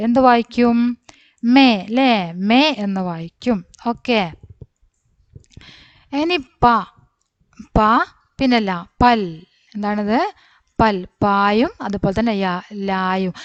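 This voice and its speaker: Patient woman teaching letters slowly. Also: medium pitch, smooth, dry recording, dull audio. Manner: slow, patient letter-by-letter explanation with questions to pupils. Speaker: Hindi teacher. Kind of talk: online language lesson.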